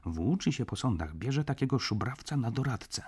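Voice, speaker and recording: A man's voice: medium pitch, sing-song, normal speed, darkish tone, husky, voice pushed up. A man reading an audiobook, voicing a scornful male lawyer who murmurs asides.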